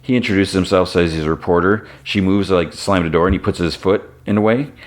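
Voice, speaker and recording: A man whose voice sits low talks fast while hosting a podcast. He recaps a TV episode one scene at a time in a relaxed, loose way, restarting as he goes and briefly quoting the characters, often with "he's like".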